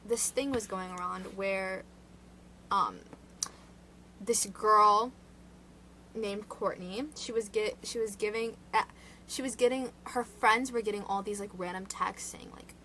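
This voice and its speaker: A woman's voice: medium pitch, pushed and bright, slight background noise, low-quality recording. A woman vlogger casually retelling true crime cases in a rambling way, full of "like" fillers and side chatter, recorded indoors. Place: indoor room.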